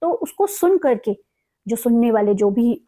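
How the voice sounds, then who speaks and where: A woman with a high voice gives a recorded lesson on poetry. She switches between Hindi and English as she explains, and she slows right down to stretch each syllable when she reads out verse. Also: big pitch swings, warm tone. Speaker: teacher.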